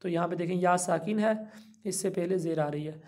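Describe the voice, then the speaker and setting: A man gives a Quran reading lesson, patiently spelling out every letter and vowel mark and reciting slowly and drawn-out between his explanations. His voice is high-pitched with a darkish tone.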